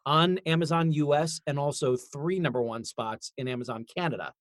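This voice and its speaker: A man's voice: on the high side, normal speed, dry recording, clean studio sound. A man chatting casually and informally as an author, rambling and a little self-deprecating. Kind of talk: casual conversation.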